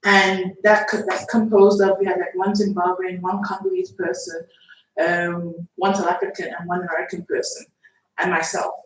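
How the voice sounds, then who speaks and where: A woman from Nigeria speaks from the floor of a public event, measured and explanatory. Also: on the low side, little pitch movement. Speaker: audience member asking a question. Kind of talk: question from the floor. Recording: echoey hall, far from mic.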